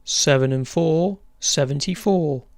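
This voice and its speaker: A bingo caller announcing numbers in measured, formulaic set phrases. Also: medium pitch, no room sound, clean studio sound.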